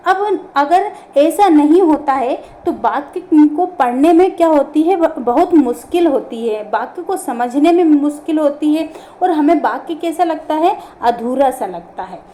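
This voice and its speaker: A woman with a high voice gives an online grammar lesson. She works through each point step by step, asking a question and then answering it herself. There is faint ambient noise in the room behind her. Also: expressive, measured pace, warm tone. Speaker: teacher.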